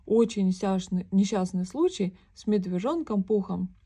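A woman's voice: mid-range voice, expressive, moderate pace, warm tone, breathy edge. A woman voicing a good-natured, muddled male teddy bear in a children's storybook reading, thinking aloud in an earnest, puzzled way. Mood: earnest dismay.

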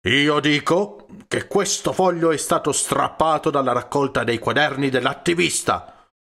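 A man's voice: lowish voice, animated, slow pace, a bit bright, slightly rough, heavily acted. A man voicing a burly, hot-tempered communist mayor in an audiobook, roaring out indignant outbursts. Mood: furious shouting. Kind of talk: audiobook character reading.

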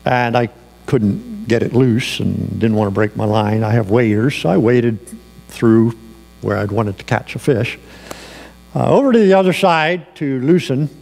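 A man's voice: mid-range voice, unhurried, creaky, darkish tone. A male pastor preaching a sermon, telling a personal story in a conversational way with fillers, in a church sanctuary with long reverb.

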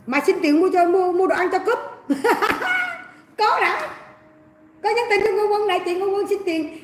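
A woman's voice: extremely high pitch, moderate pace. A woman with a Southern Vietnamese accent hosting a livestream, chatting in a gossipy, mocking way and addressing her viewers as family, recorded in an echoey room. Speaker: livestream host. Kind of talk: casual livestream commentary.

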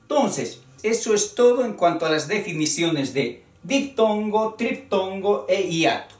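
A Spanish teacher giving a spoken grammar lesson, talking deliberately and counting out syllables one by one. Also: mid-range voice, lively intonation, far from the mic. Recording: echoey room, voice away from the mic.

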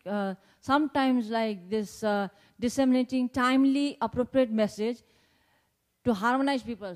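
A woman with a Nepali accent, a native Nepali speaker, giving a lecture in a conference hall on a handheld microphone, reading slide points with pauses and restarts. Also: on the high side, a little mellow. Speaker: guest lecturer.

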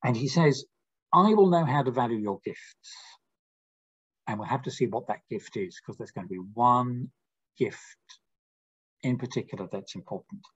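Husky guy explaining a poem in a lecture, kinda dull muffled sound. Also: mid-range voice. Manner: slow deliberate recitation of quoted verse.

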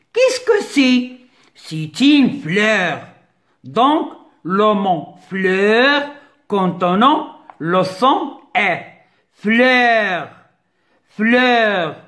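Very slow high-voiced teacher. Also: male voice, a bit bright. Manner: deliberate, repeats each word and syllable. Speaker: primary school teacher. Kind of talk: slow phonics lesson for children.

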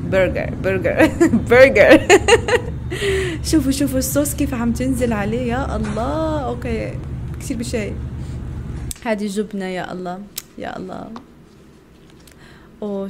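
A woman's voice: a little high, noisy background. A young woman, reacting to food videos in a casual vlog, giggling often and exclaiming playfully.

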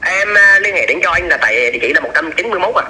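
A man's voice: high-pitched, expressive, very fast, over a noisy crowd. A man talking over the phone like a customer-service agent, polite but insistent and repeating himself, on a recorded call. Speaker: caller posing as bank support staff.

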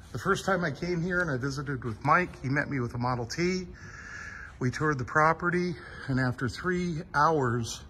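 A man's voice: fairly high pitch, a bit bright, a little hiss or hum. A man filming a casual walk-through of a vehicle museum on his phone, talking with awe about the collection. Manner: enthusiastic, awed. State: a bit sweaty after driving. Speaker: vlogger touring a vehicle museum. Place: large indoor vehicle warehouse.

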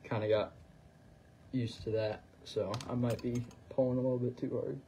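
A man talks through tying a fly on a livestream, loose and unhurried, with plenty of fillers as he works. His voice is mellow and fairly flat in pitch. A faint hiss sits under the audio. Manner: relaxed, talks while working, fillers and trailing phrases. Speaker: fly tier demonstrating on a livestream. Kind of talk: casual instructional chat.

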